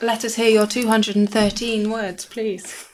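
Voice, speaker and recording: A woman leading a writing group, briskly calling on readers. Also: on the high side, flat delivery, slight background noise.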